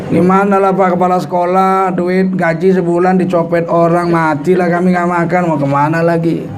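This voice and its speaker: A man's voice: sits high, level tone, moderate pace, lightly acted. A man voicing a distraught male karate teacher who pleads and laments, in a noisy recording. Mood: despairing.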